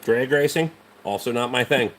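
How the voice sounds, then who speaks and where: Answering viewers on his livestream, a host from Rhode Island speaks casually with the state's accent, blunt and dismissive, swearing heavily. His medium-pitched voice has a fairly bright tone at normal speed, with a little hiss or hum in the background.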